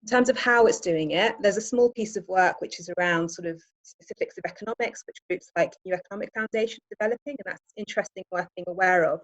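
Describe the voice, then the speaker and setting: A woman's voice: lowish voice, fast talker, low-quality recording. A woman from Iraq, an environmental campaigner giving a webinar presentation, talking hesitantly with many restarts and ums.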